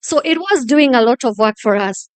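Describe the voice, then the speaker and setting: A woman tells earnest stories from her work as a testing counselor. Her voice is smooth and slightly high. The sound is dry and close. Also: expressive, normal speed, no echo. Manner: earnest, anecdotal. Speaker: panelist, former HIV testing counselor. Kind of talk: panel storytelling.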